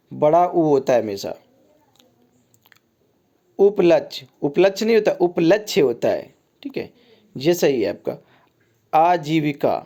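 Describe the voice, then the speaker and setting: A man's voice: fairly high pitch, creaky, mellow. A man tutoring Hindi spelling for an exam, repeating each wrong and right form in a patient, drilling way. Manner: repetitive teacher, keeps saying "ठीक है" and contrasting wrong and right forms. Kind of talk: exam-prep lesson on spelling.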